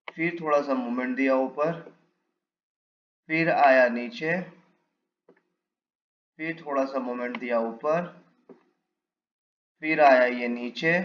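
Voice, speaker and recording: Man teaching a chart lesson, echoey room. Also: on the high side. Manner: explains while drawing, asks and answers his own questions. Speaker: trading teacher. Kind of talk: casual step-by-step chart lesson. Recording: echoey room, dull lo-fi mic, faint hiss.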